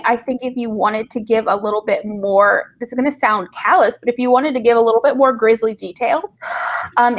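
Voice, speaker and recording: A woman on an agent panel giving fluent, encouraging feedback on a pitch over a video call. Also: highs cut off.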